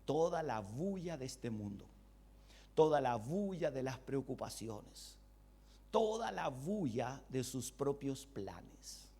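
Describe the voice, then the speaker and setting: A man pastor giving a Bible study sermon, asking the congregation questions and voicing God's replies in a lower voice. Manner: animated, rhetorical questions to the congregation.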